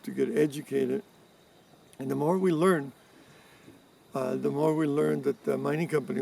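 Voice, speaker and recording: A man in his seventies from Cuba, giving interview answers in a measured way with pauses and restarts. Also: mid-range voice, creaky. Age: 70s. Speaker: interviewee, environmental activist. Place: rural farm in mountains. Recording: distant mic with faint background noise.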